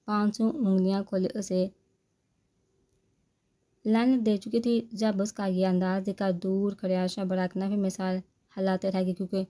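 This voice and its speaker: Mellow, even-toned woman reading a novel. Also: medium pitch. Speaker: narrator.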